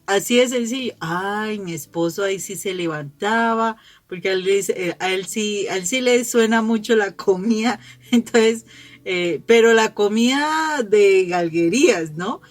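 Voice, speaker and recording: A middle-aged lay speaker offers a conversational gospel reflection for families, sharing personal stories, laughing often and restarting phrases as she goes. Her medium-pitched voice is a little slow, with soft background music and no room sound.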